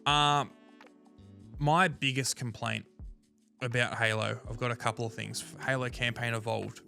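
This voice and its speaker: A man co-hosting a casual gaming podcast, talking in an animated, frank way and swearing freely. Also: mid-range voice, measured pace, creaky, soft background music. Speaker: podcast co-host.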